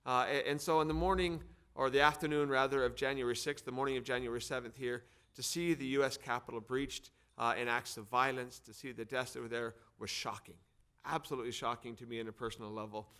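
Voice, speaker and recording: A fast-talking middle-aged man from Arizona, head of a think tank, hosts an event and introduces speakers in his American accent. His mid-range voice is clear and resonant, pushed and bright, with fairly even intonation, and his semi-formal, partly improvised speech repeats words for emphasis.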